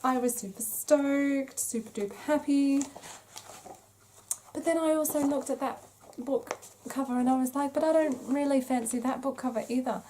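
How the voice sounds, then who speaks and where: Her voice sits high and mellow at a moderate pace, with slight background noise behind it. She hosts a craft podcast, chatting casually and gushing with enthusiasm while showing off craft magazines she's found.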